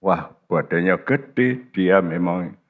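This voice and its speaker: Deep-voiced pastor preaching slow, punches words up high, long church reverb. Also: male voice, phone-quality sound. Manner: slow and emphatic, with sudden high-pitched stresses. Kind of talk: sermon.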